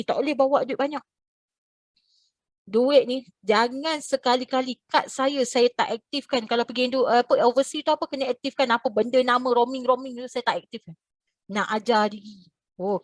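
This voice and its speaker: Animated Malaysian woman religious teacher. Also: no echo. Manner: animated, expressive, swings in pitch and loudness. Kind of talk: casual storytelling religious class.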